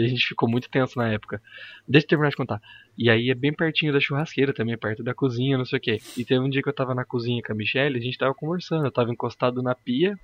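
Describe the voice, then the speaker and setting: A man's voice: mid-range voice, no room sound, lo-fi sound. A Brazilian man on a casual podcast, earnestly telling a spooky personal story. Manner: earnest, insistent, rapid storytelling.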